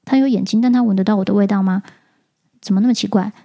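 A woman hosting a podcast, telling a personal story in a casual, animated way and stammering as she relives the scare. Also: mid-range voice, fast talker, creaky. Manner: animated, stammers and repeats words when retelling fright. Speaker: podcast host.

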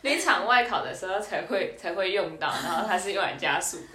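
A young woman, co-hosting a podcast and telling a story in casual chat, animated and laughing often. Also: mid-range voice, a little fast. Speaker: podcast co-host. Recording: roomy echo.

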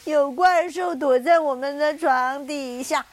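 A woman's voice: sits high, a little slow, no room sound. A woman voicing crying little baby penguins in a children's story, sobbing and wailing.

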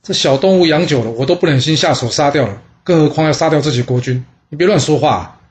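A man's voice: a little high, lively intonation, fast, close to an everyday voice. A man voicing a cautious, fearful ancient minister who pleads and hedges. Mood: anxious.

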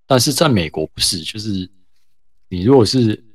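A man from Taiwan telling a story in a relaxed, casual podcast chat, with many fillers. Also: fairly low pitch, normal speed, no echo. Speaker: podcast co-host.

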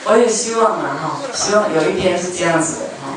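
A woman's voice: on the low side, fast. A woman Buddhist dharma master giving a chatty sermon, joking with her audience in a lecture hall. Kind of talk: conversational sermon. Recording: very echoey hall, mic far off, faint noise.

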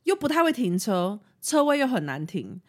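A woman's voice: mid-range voice, normal speed. A young woman telling stories in a casual podcast monologue, frank and self-mocking, swearing freely. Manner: animated, frank, swears freely, laughs at herself. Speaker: podcast host.

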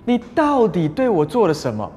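A man's voice: fairly high pitch, very animated, a little slow. A preacher acting out a panicked old king. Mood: alarmed, accusing. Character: frightened ancient king, blustering then pleading. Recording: long hall reverb with soft music.

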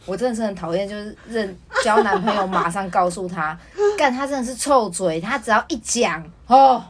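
A woman's voice: medium pitch, animated, normal speed, background noise. A woman co-hosting a podcast, telling candid stories in a jokey way. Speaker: podcast co-host. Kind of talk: casual chat.

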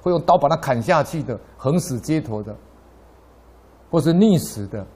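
Middle-aged man, fairly high voice, Buddhist dharma talk, climbs in pitch during anecdotes. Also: animated, normal speed, darkish tone, husky. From Taiwan. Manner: storytelling, voice rising sharply in anecdotes. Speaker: lay Buddhist speaker.

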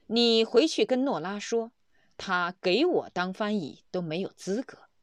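A proud master scoffs at a summons, as a woman narrator puts him on. His lines rise and fall with lively pitch. The sound is close and dry. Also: unhurried, no room sound, close to an everyday voice. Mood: scornful. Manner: scornful, dismissive. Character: proud, scornful master, man.

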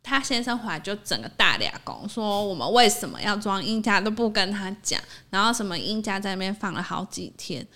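A young woman co-hosts a podcast in easy, chatty talk. She tells her stories with a lively, swooping voice and laughs often, her pitch sitting in the middle. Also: brisk, hardly any pauses. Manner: animated storytelling, laughs often. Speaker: podcast co-host. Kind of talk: casual chat.

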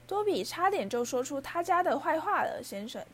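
A woman voicing a small servile male house-elf in a storybook reading, high and shrill, humbly calling everyone sir. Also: sing-song, normal speed. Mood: frantic. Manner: humble, keeps saying sir.

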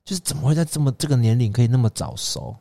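A man co-hosting a podcast, telling a story in casual chat, animated and acting out the quotes with bursts of laughter. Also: mid-range voice, rapid-fire, creaky. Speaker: podcast co-host.

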